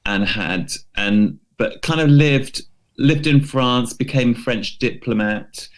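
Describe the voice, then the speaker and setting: A man co-hosting a podcast presents a history feature, telling the story casually and without a script. His voice sits in the mid range and he takes his time. He comes across as hesitant, phrasing things loosely and hedging now and then.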